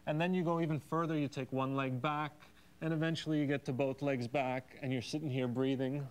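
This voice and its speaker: A man's voice: mid-range voice, flat delivery, fairly quick, clean tone. A man speaking as a guest yoga instructor, explaining and demonstrating in an informal, earnest, encouraging way.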